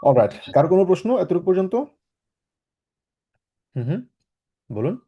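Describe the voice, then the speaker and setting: A man's voice: high-pitched, big pitch swings, slow pace, slightly rough, highs cut off. A man teaching a German class to students, patiently explaining and often asking if everyone is following. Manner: patient, often checks in with "ঠিক আছে?"; mixes English words into his explanations. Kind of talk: online class lecture.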